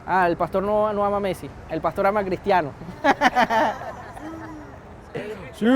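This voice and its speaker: A man's voice: sits high, slight background noise. A young man with a Venezuelan accent preaching a sermon in a conversational way, often asking his congregation questions.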